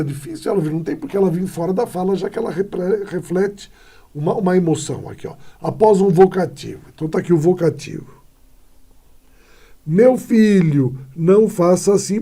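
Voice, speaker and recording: A man's voice: high-pitched, gravelly, dark tone, husky. A male Brazilian Portuguese teacher explaining punctuation in a classroom lesson, often checking in with short tags as he points to examples.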